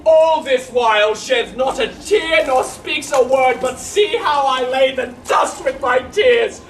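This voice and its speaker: Man as a wailing clown servant, very high voice, slow delivery, roomy distant stage sound. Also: a bit bright, slight background noise, heavily acted. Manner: melodramatic wailing, cracks up and fumbles lines. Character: weepy comic male servant, melodramatic clown. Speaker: stage actor. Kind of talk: live Shakespeare comedy performance. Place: theatre performance space. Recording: distant echoey stage recording.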